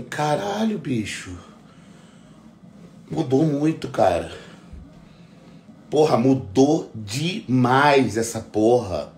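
A middle-aged bodybuilding competitor, ranting in casual, heavily profane talk and repeating himself for emphasis. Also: male voice, medium pitch. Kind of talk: casual conversational rant. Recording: echoey room.

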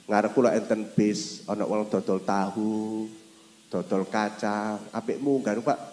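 A middle-aged man with an East Javanese accent preaching a sermon, telling stories animatedly with sudden loud exclamations. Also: on the low side, steady tone, unhurried, a little hiss or hum. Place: mosque hall. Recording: roomy hall reverb.

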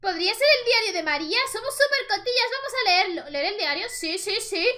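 A woman's voice: extremely high pitch, animated, fairly quick, sharp tone. A young woman with a Spain Spanish accent gives chatty gameplay commentary, exclaiming at the screen and talking to her viewers. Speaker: let's play host.

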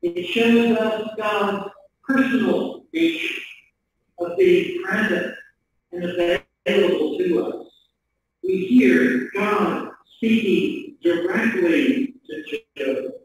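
A middle-aged man, a priest, reading the gospel and preaching in a measured, deliberate way from a lectern in a church sanctuary. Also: sits high, lively intonation, slight background noise. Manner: measured, deliberate delivery from a pulpit. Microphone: stand mic, camera from across the room. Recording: echoey church from far off.

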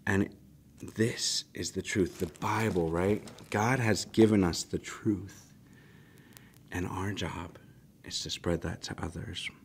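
A man's voice: low-pitched, steady tone, slow pace, slight background noise. A man in his thirties giving an earnest devotional Bible teaching at a desk mic in a small studio, often checking in with "right?". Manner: earnest, emphatic, frequent "right?" asides. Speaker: pastor. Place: small church studio, indoors. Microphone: desk mic on a stand.

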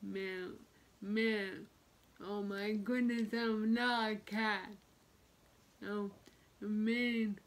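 A woman's voice: mid-range voice, level tone, drawn-out words, pauses often. A middle-aged woman talking with retainers in, slightly lisping, carefully practicing single words and often repeating and correcting herself. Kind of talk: pronunciation practice on camera, reading single words. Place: small bedroom, indoors, sitting on bed. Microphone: phone propped at arm's length.

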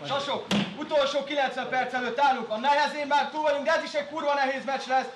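A man forcefully urging his football teammates on in a shouted pre-match pep talk. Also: very high voice, steady tone. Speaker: football player rallying teammates. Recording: noisy live room recording.

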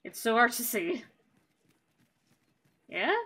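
A woman's voice: a little high, big pitch swings, slow pace, pushed and bright, slightly rough. A woman streaming a video game, chatting casually with sarcastic, jokey asides. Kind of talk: casual gameplay chat.

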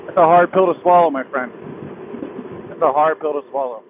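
The recording comes from a tinny helmet mic full of wind and road noise, as a young motovlogger rides a highway on his motorcycle. He offers a personal confession, faltering and sad, that keeps circling back to the start.

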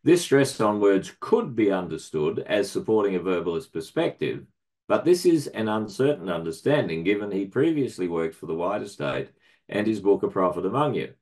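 A middle-aged man reading a prepared academic paper aloud in a measured, formal way, marking each citation with quote and end quote. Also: lowish voice, big pitch swings, a little mellow. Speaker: research centre director presenting a paper.

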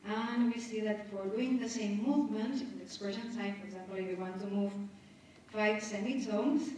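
A woman's voice: medium pitch, darkish tone, slight background noise. A woman giving a conference lecture, explaining step by step and adding tag questions as she goes. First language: Spanish. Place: conference hall. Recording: echoey hall from far off.

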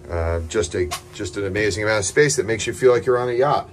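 A middle-aged yacht broker with a voice on the low side talks at a quick pace while leading an enthusiastic, casual tour of a sailboat, peppered with fillers. The tour takes place at a dockside boat show, on deck and in the cabin. It was captured on a handheld phone.

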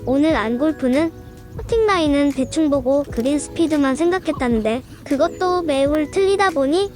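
A woman with a high voice delivers scripted golf commentary in a polite, formal register. She reports the round shot by shot as a voice-over, with music playing faintly behind her. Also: animated, normal speed, darkish tone. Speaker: narrator of an amateur golf vlog.

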